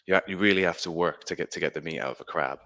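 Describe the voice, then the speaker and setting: A man's voice: low-pitched, rapid-fire, bright, forceful tone. A young man from Singapore, a guest in a casual chat, thoughtful and a bit hesitant, often repeating words.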